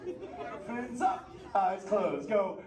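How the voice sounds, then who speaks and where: An actor playing an excitable, laid-back sea turtle dude who works a crowd in surfer slang in an interactive cartoon show. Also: male voice, sits high, slow, full character voice. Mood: upbeat, playful. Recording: echoey, distant, very noisy crowd.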